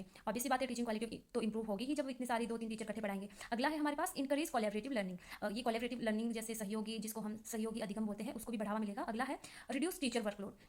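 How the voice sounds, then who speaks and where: A fast-talking young woman runs through revision notes like a trainee teacher, her voice sitting a little high. She explains in a loose, chatty way, full of fillers and restarts. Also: darkish tone. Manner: chatty explaining with many fillers, reads English definitions slowly. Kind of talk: casual exam-revision lesson.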